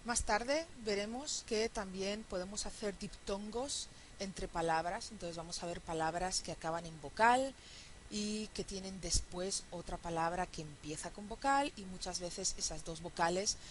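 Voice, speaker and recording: A woman's voice: mid-range voice, slight background noise, rough recording. Woman teaching phonetics step by step. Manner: explains step by step, checks understanding with "¿sí?"; counts syllables aloud slowly. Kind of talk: recorded classroom lecture.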